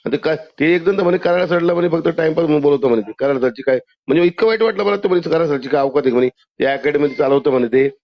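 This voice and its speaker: This caller, a man with a Maharashtrian accent, sits on the high side and speaks in rapid-fire bursts with hardly any pauses. The phone conversation is argumentative, with him pressing his case and cutting in, and the recording is muffled and lo-fi.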